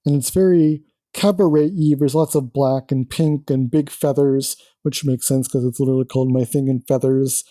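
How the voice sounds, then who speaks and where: Wry, mellow-toned podcast co-host man. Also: medium pitch, fairly even intonation, normal speed, few pauses, dry recording. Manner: opinionated, wry, chatty. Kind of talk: casual podcast chat.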